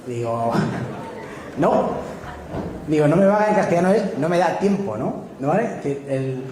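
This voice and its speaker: A man's voice: a little high, animated, moderate pace, noisy background. A man giving a public talk, telling anecdotes and keeping checking in with the audience. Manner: storytelling, keeps asking "¿no?" to the audience. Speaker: speaker at a public talk on local speech. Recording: echoey hall, faint room ambience.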